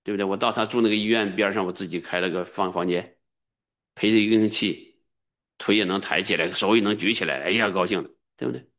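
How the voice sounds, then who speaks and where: A middle-aged man preaching a sermon as a pastor, emphatic and sometimes bursting into high-pitched exclamations. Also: fairly even intonation, fast, fairly bright tone.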